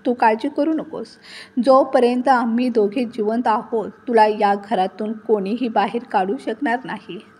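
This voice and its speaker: A woman's voice: fairly high pitch, steady tone, unhurried, a little mellow, slightly rough. A woman playing a fierce, protective older mother-in-law. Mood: indignant. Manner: tearful, indignant.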